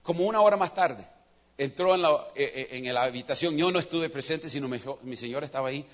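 A man's voice: on the high side, fast. A man preaching in a sermon and telling a story, changing his voice for the characters. The sound is dull and lo-fi. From United States.

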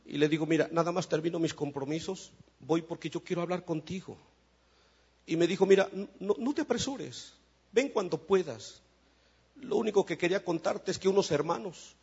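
A man preaching a sermon testimony, swinging between loud emphatic peaks and soft, low asides. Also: husky. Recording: muffled lo-fi sermon recording.

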